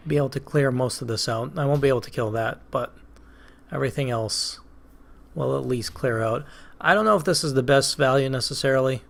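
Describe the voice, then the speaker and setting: A man with a Boston accent talks through a card game at his desk mic, weighing each move aloud with plenty of pauses and second guesses. His voice sits at a middling pitch with a gravelly, creaky edge. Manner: thinking aloud, hesitant, self-questioning. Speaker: gaming channel host. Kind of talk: casual let's play commentary.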